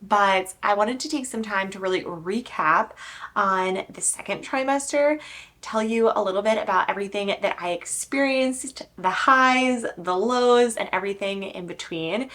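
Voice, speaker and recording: A woman's voice: mid-range voice, moderate pace, a bit bright. A young woman chatting casually to her viewers in a vlog, a little out of breath, upbeat and sharing her own experience. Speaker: homesteading vlogger. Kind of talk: casual vlog talk to camera.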